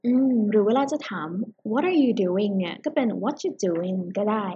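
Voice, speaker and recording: A woman's voice: medium pitch, animated, moderate pace, warm tone, husky, muffled recording. A woman co-hosting a casual language-learning podcast, chatty, often laughing and mixing English terms into her explanations. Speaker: podcast co-host and English teacher. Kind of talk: casual bilingual podcast chat.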